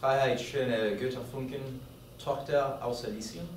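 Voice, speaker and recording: A man's voice: medium pitch, fairly even intonation, a little hiss or hum. Man reading verse far from the mic. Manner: careful, measured reading with small slips. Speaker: volunteer reader in the audience. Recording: echoey hall, mic far off.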